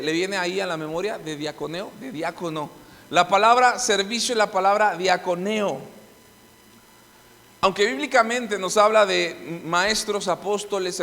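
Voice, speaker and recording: A man's voice: high voice, vocal fry, a bit bright, in a large hall. A middle-aged man preaching a sermon as pastor, emphatic, with frequent restarts and rhetorical questions to the congregation. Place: church hall.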